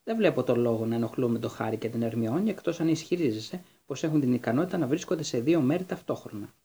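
A man doing Dumbledore, a calm wise old headmaster. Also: mid-range voice, slightly rough. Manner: calm, unhurried.

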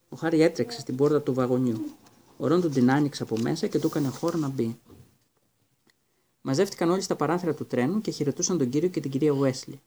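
A man narrating an audiobook in a steady, even storytelling manner. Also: mid-range voice, slightly rough.

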